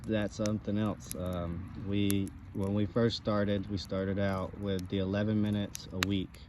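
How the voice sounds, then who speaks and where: A man in a casual, halting conversational chat, speaking as a co-host. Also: lowish voice, flat delivery. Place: outdoors by a campfire. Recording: outdoor ambient background noise.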